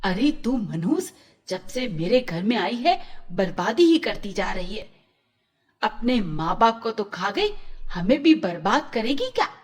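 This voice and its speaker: A woman voicing a harsh, scolding middle-aged aunt who shouts insults in a cartoon story. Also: high voice, slow. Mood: angry.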